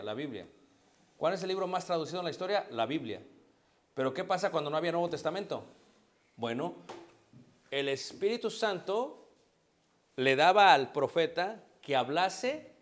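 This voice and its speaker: A middle-aged man preaching a sermon in a Mexican accent. He puts questions to the congregation and answers them himself. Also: fairly high pitch. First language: Spanish.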